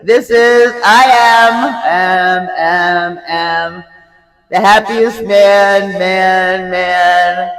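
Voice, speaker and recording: A man co-hosting a casual chat, mimicking a big stadium-hall echo with his own voice, speaking loud and slow and repeating each word as if it bounced back. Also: high-pitched, fairly even intonation, soft background music, exaggerated voice. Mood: mock grand. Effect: mock big-hall echo made by voice.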